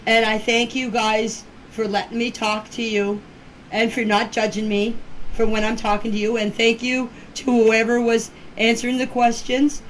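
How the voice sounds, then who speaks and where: Recorded as a phone voice message with poor audio and a little hiss or hum, a fifty-something community member talks about a case. Her voice is a little high and her delivery flat at a moderate pace, yet she stays earnest and emphatic, plainly repeating points to stress them.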